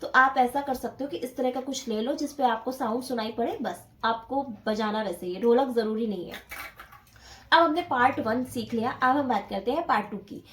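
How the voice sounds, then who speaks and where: Woman, high voice, patient dholak teacher, counts beats aloud, echoey room with drumming. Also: moderate pace. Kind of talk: step-by-step music lesson.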